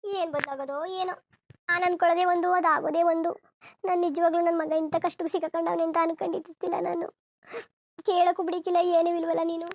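Woman doing a very high, flat, fast doting cartoon mother, fretful and protective, dry sound. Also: muffled recording. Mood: indignant. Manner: fretful, lamenting, indignant. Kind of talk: cartoon voice acting.

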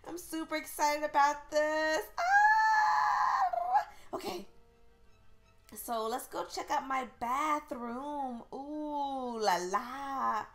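A woman narrating an in-character game role-play in a gushing, excitable way, with frequent gasps and squeals. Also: high-pitched, takes it slowly, faint music behind. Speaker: gaming video creator.

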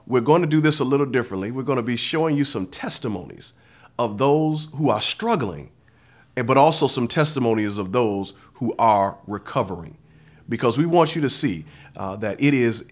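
A middle-aged man hosting a talk show on addiction, speaking earnestly with many fillers and restarts, in an indoor room. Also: medium pitch. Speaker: host.

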